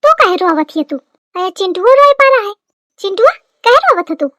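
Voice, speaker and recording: A woman's voice: extremely high pitch, very animated, normal speed, fairly bright tone, no echo, lo-fi sound, exaggerated voice. A woman voicing a nagging older village mother-in-law with a Kanpuri accent, questioning and accusing. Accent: Kanpuri rural Hindi. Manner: accusing, interrogating.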